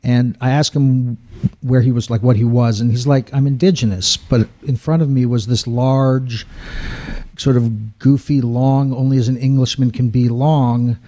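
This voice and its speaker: Mellow-toned man telling a reflective story. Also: medium pitch, fairly even intonation, moderate pace. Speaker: podcast co-host. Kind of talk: casual chat.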